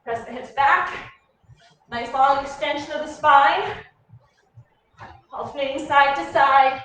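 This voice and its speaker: High-voiced woman fitness coach in an echoey room. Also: takes it slowly. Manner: encouraging, energetic, directive. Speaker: fitness coach leading a warm-up. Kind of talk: group workout instruction, clipped cues and countdowns. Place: echoey indoor room, heard from a distance. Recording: very echoey room, distant mic, faint noise.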